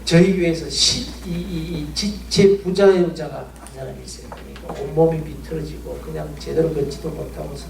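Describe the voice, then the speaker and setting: A man's voice: fairly high pitch, vocal fry, darkish tone, a little hiss or hum. A male pastor preaching a sermon, telling an emotional story full of pleading rhetorical questions. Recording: roomy church sound, mic at a distance, faint ambience.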